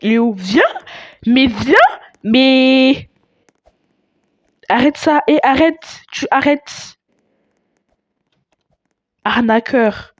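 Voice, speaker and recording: A young woman chatting casually over her gameplay. She stammers often and breaks into excitable outbursts. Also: fairly high pitch, slow, pauses often, no room sound, dull audio. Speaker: gaming video creator.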